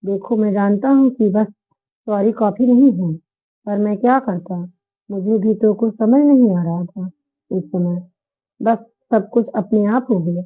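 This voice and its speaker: A woman's voice: medium pitch, a little slow, lightly acted. A woman voicing a young husband who awkwardly apologizes to his wife, in a hesitant, pleading way, over phone-like narrow audio.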